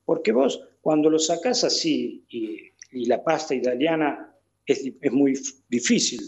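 A man's voice: medium pitch, expressive, a little slow, vocal fry, a little mellow, highs cut off. A man with an Argentine accent, chatting casually as a guest and rambling through restarts and repeated words. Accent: Argentine Spanish. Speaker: guest, Argentine living in Italy. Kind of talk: casual conversation.

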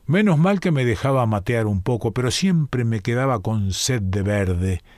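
Man with a Rioplatense accent, mid-pitched, for a musing first-person monologue, dry close sound. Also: lively intonation, moderate pace, a little mellow, no echo. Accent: Rioplatense Spanish. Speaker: reader performing a monologue. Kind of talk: dramatic first-person story reading.

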